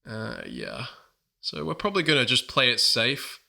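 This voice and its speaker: A man's voice: mid-range voice, wildly swooping pitch, moderate pace, creaky, sharp tone. A man hosting his gaming channel, chatting casually through strategy commentary while a bit sick. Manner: chatty, upbeat, self-correcting.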